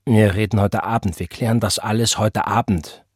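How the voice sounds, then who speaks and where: A male reader voicing a stern young preacher who gives curt, hushed commands in an audiobook. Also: fairly low pitch, fairly even intonation, normal speed, breathy edge, dry recording, studio quality. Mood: commanding.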